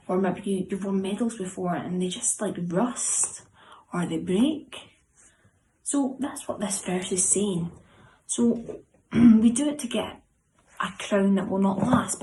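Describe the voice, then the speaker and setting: A woman's voice: mid-range voice, mellow, rough recording. A young woman leading a children's club session, upbeat and coaxing, now and then dropping to a whisper. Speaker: youth club leader.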